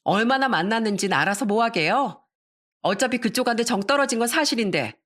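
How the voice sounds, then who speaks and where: A woman's voice: on the high side, expressive, a little fast, fairly bright tone. A woman voicing a smug young mistress who talks in a mocking, haughty way. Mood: sneering.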